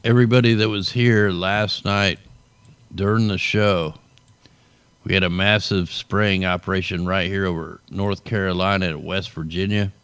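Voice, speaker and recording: His voice sits low with a steady, clean, slightly bright tone at normal speed and no echo. Running a casual weather commentary over satellite maps, the host sounds tired and his voice is giving out; he talks loosely and drawls "man" at line ends.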